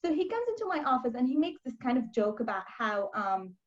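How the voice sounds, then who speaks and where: In this muffled recording, a young Lebanese woman who works as a life coach tells her story openly during a video-call interview. Her voice sits a little high and swings widely in pitch, and she tosses in quick asides as she talks.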